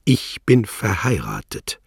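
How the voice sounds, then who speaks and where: A guarded, sullen spy, voiced by a male audiobook reader. His low voice is husky and murmured. He sounds sulky and cautious. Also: huge pitch swings, slow, no echo, clean studio sound, full character voice. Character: sullen, wary middle-aged male shopkeeper-spy. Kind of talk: audiobook character voice.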